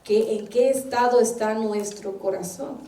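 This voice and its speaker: A woman minister preaches and acts out the voices in her stories. Her voice sits a little high with a mellow tone. She is picked up from a distance in an echoey room. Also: unhurried. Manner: anecdotal, acts out quoted voices. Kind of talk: sermon.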